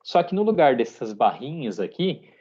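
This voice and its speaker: A man in his thirties leads a live online programming class, explaining each step patiently and tagging his sentences with a checking "tá?". His voice sits at a middle pitch. The call audio is dull and lo-fi. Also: big pitch swings, moderate pace, a little mellow, slightly rough. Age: 30s. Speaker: programming teacher.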